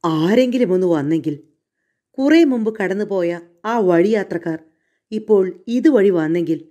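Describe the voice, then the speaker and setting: Woman storyteller, slow measured suspense reading, mellow tone. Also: medium pitch, lively intonation, muffled recording.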